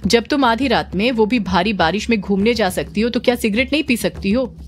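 A woman's voice: on the high side, brisk, a little hiss or hum, natural voice. A woman doing Abhimanyu, a teasing young man. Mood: probing. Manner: teasing, probing questions.

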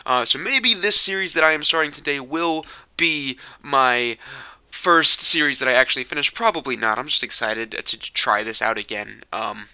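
A man's voice: medium pitch, animated, moderate pace, pushed and bright, clean tone, dry recording. A man who is a little sick, rambling casually and swearing often as he hosts a let's play from his home gaming setup. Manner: rambling, profane, self-deprecating. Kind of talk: casual gameplay commentary. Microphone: mic hooked into a capture card. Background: video game music.

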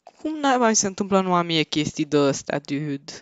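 A man's voice: high-pitched, smooth, dry recording. Panicky young male gamer, dull dry mic. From Romania. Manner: excitable, mixes in English slang, panicky repeated nos. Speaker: Minecraft gaming YouTuber. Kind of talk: casual gameplay commentary.

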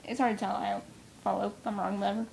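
A woman's voice: mid-range voice, little pitch movement, fast, creaky, darkish tone. A young woman co-hosting a casual fan chat, rambling and giggly as she speculates. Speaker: comic fan co-host.

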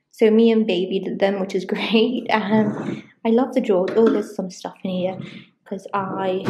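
A woman's voice: mid-range voice, noisy background. A woman, chatting casually in a rambling way with lots of ums while she shows a room in her home for a vlog. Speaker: vlogger. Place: small room in a home, indoors. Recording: echoey small room.

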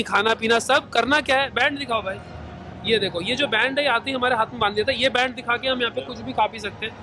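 A man with a notably high voice talks fast and excitedly in a casual vlog. He films himself on an action camera held at arm's length outdoors, with faint noise behind him. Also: low-quality recording. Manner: chatty, excitable cricket talk. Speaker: vlogger. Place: outdoors in a stadium stand and a street.

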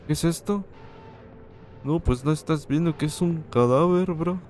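A man's voice: a little high, unhurried, a little mellow, slight background noise. A young man with a Mexican accent commentating a horror game, cracking slangy jokes. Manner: joking, slangy, yelps when scared. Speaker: gaming host. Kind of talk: horror let's-play commentary.

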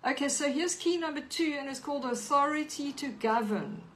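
A woman's voice: high-pitched, moderate pace, a bit bright, slight background noise, rough recording. A woman with a South African accent giving an earnest livestreamed teaching sermon, reading scripture aloud. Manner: earnest, reads scripture aloud, greets viewers by name. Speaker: preacher on a live stream.

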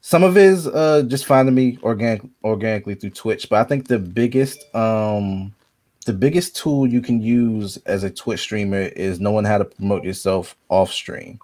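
A man, a video game streamer, talking as a podcast guest in a relaxed, conversational way with frequent ums. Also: lowish voice, moderate pace. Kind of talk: casual podcast chat.

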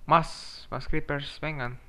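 A man's voice: fairly high pitch, fairly even intonation, slow, bright, forceful tone. A young man giving casual gameplay commentary, swearing often and breaking into jumpy outbursts while he chats to the monsters. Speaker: gamer.

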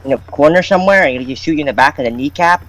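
A man's voice: on the high side, racing, a bit bright, rough recording. Joking man on gaming voice chat. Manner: joking, puts on a broken-English bit. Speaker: gamer.

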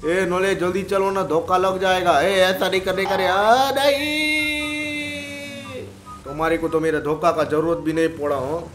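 A man doing excited gameplay commentary, switching between playful cartoon character voices. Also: on the high side, brisk, hardly any pauses. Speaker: gaming YouTuber.

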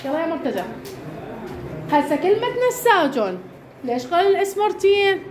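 Casting note: woman teacher, Iraqi Arabic accent, high bright voice that swings up and down, brisk questions to pupils, echoey classroom with noise behind. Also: sing-song. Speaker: primary school teacher. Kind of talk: classroom lesson, quizzing pupils.

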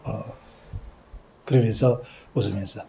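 Korean pastor preaching with dramatic swings. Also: male voice, fairly low pitch, steady tone, measured pace, creaky, dull audio. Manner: storytelling, acts out father and child dialogue; swings between loud exclaims and soft trailing asides. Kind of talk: sermon.

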